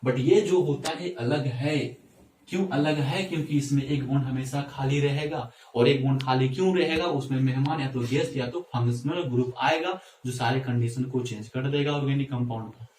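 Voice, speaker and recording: A man's voice: mid-range voice, moderate pace, a little mellow, slight background noise. A male chemistry teacher giving a whiteboard lesson, asking and answering his own questions and checking in with students. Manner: asks and answers his own questions, repeats "theek hai". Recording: echoey room, mic at a distance.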